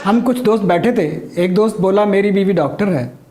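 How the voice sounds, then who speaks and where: In this noisy recording, a high-voiced man speaks at normal speed through a stand-up comedy set. His delivery is dry, and the crowd laughs with him.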